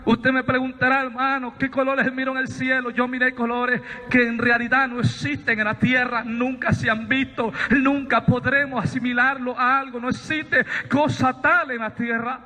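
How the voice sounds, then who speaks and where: A man's voice: extremely high pitch, level tone, normal speed, few pauses, bright, forceful tone, big-room sound. A male evangelist preaching a fervent testimony sermon, telling his story and often addressing listeners as brothers.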